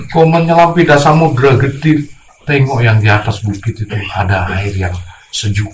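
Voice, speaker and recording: Blunt preacher in a roomy hall. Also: male voice, mid-range voice, slight background noise. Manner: blunt scolding, swinging between hushed and loud outbursts. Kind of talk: sermon to a congregation.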